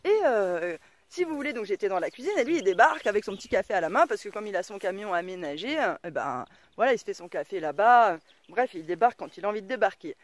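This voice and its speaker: Slangy expressive woman vlogging, chatty story, dry close mic. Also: mid-range voice, quick pace, dry recording. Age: adult mother of a son. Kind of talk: casual storytelling to camera.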